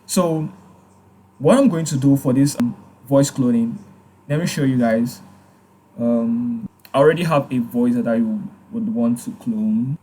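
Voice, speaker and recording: A man hosting a casual software tutorial, hesitant, with many fillers and restarts. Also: mid-range voice, measured pace. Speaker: tutorial host. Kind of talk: casual screen-recorded tutorial.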